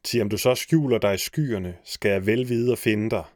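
A man's voice: on the low side, a little mellow, no room sound, clean studio sound, lightly acted. A man voicing an evil sorcerer who threatens in old-fashioned speech, in a storybook reading. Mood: threatening.

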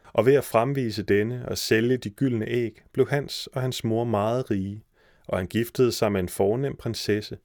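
A man reading a fairy tale aloud as a podcast storyteller, in a steady narrating voice. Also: on the low side, dry recording, clean studio sound.

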